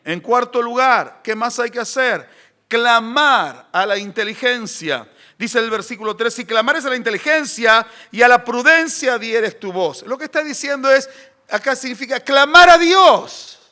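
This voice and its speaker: A middle-aged man, preaching a sermon and acting out crying and shouting. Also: very high voice, unhurried. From Argentina. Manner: animated, acts out crying babies and shouts. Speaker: pastor.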